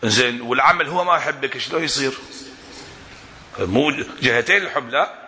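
Impassioned preacher, sharp voice. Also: male voice, mid-range voice, a little fast, big-room sound, a little hiss or hum. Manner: impassioned, builds to rising emphatic delivery, chuckles often. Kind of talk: sermon at a religious gathering. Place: religious gathering hall indoors.

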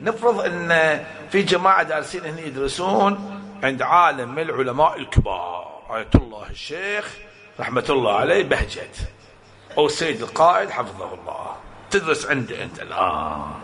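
A man's voice: medium pitch, fairly quick, vocal fry. A man preaching a sermon to a congregation, telling stories, acting out quotes and firing rhetorical questions. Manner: animated storytelling with acted-out quotes and rhetorical questions.

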